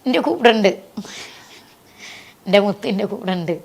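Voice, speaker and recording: A woman being interviewed, telling a personal story in an earnest, tender way that sinks soft at the saddest points. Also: mid-range voice, expressive, moderate pace, vocal fry, husky. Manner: earnest and tender, voice sinking soft at sad moments.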